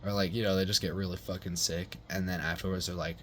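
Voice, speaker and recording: A man's voice: low-pitched, flat delivery, fast talker, slight background noise. A young man casually telling a rambling personal story, full of swearing, slang and fillers.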